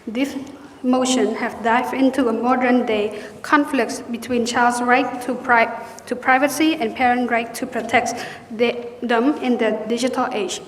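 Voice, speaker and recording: A young woman moderating a debate in a formal, careful, slightly halting way. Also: a little high, steady tone, a little hiss or hum. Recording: roomy hall reverb.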